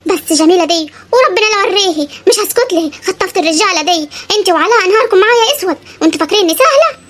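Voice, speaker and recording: An actor voices a jealous young village wife in an animated comedy, speaking with an Upper Egyptian accent. She is sharp-tongued and quarrelsome. Her voice is squeaky-high and races along at a breakneck clip. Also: racing. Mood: wounded, furious. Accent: Upper Egyptian Arabic.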